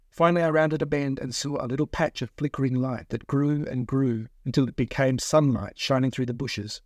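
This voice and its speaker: A man reads his own novel aloud in a steady, measured first-person narration at a middle pitch. The voice sits close and dry, recorded in a studio with no room echo.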